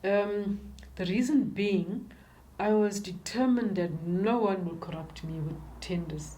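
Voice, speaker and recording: An older woman with a South African accent, speaking in a halting, reflective way as she recounts her life and work in an interview. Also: medium pitch, dark tone, slight background noise.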